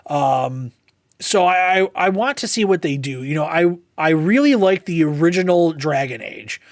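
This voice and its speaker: A man's voice: fairly high pitch, expressive, moderate pace, no echo, studio quality. A young man hosting a casual gaming news show, rambling with many fillers and restarts. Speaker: podcast host.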